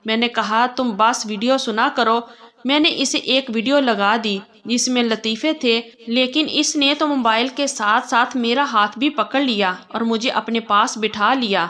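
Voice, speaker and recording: A woman narrates a personal story in the first person. Her voice is on the high side, and she keeps a steady, plain storytelling delivery.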